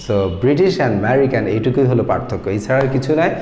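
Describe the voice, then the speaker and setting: A man's voice: mid-range voice, animated, quick pace, dark tone. A man giving an English pronunciation lesson, slipping English words and phrases into his teaching. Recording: echoey room.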